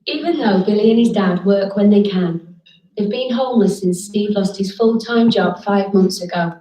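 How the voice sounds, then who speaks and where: A woman giving calm, measured scripted narration for a documentary. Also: mid-range voice, echoey room, rough recording.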